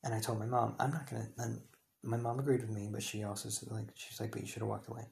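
A man's voice: lowish voice, level tone, fast, gravelly, darkish tone. A young man hosting a podcast, telling a heated story in a rambling way, with many restarts and fillers. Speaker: podcast host. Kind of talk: casual storytelling monologue.

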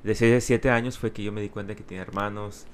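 A man tells personal stories casually, halting and restarting words, now and then slipping into Spanglish. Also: lowish voice, fairly even intonation, a little hiss or hum. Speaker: interview guest.

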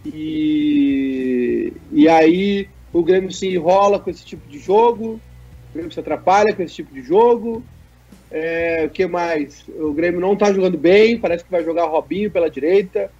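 Jokey co-host: nasal, higher voice, dull lo-fi stream audio. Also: male voice, moderate pace, a little mellow, soft background music. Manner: joking, reads viewer messages aloud. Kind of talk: casual sports chat.

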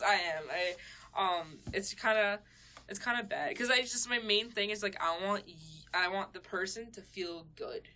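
A young woman co-hosting a casual podcast chats and rambles, full of fillers and restarts, and laughs often. Her mid-range voice sounds pushed and bright.

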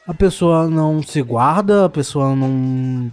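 A man's voice: a little high, unhurried, darkish tone, soft background music. A man with a Brazilian accent, ranting indignantly and sarcastically, with plenty of swearing, in a casual chat. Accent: Brazilian Portuguese.

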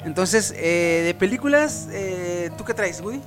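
A man with a Mexican accent hosting a casual chat, relaxed and swearing often. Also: high voice, measured pace, soft background music. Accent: Mexican Spanish. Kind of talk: casual chat among friends.

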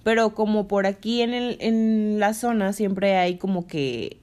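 Animated Mexican woman telling a story. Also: mid-range voice, a little slow. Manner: animated retelling with acted-out quotes and shrieks. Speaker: storyteller in a couple's chat. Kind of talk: casual chat.

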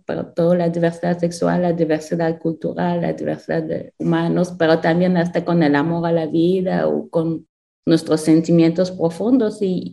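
A woman's voice: on the low side, dark tone. A woman guest on a panel, answering thoughtfully with frequent laughter and many restarts.

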